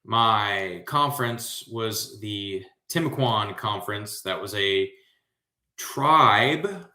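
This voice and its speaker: Recorded in a roomy, echoey space, this Central Florida trivia host speaks slowly and in a laid-back way, his fairly low voice bright and forceful. The American man keeps his casual livestream hyped and slangy, wandering into rambling asides.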